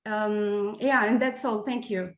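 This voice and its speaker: A slow-speaking woman student gives her closing thanks, stumbling over fillers and restarts. Her raised voice comes through an echoey room. The call audio is dull. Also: medium pitch, fairly even intonation. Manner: halting, many fillers and restarts, grateful. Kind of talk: online meeting remarks.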